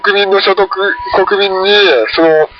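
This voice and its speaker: A muffled, noisy recording of a man with a notably high voice. He comments casually on economics in a halting way, often doubling back and repeating words. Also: fairly even intonation. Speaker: commentator on a talk show. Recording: dull lo-fi audio, clearly noisy.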